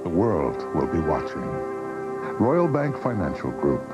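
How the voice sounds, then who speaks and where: A man reading a scripted ad voice-over in an earnest, measured way, heard off a worn VHS tape copy. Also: low-pitched, very animated. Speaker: commercial announcer. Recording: dull worn tape with loud music.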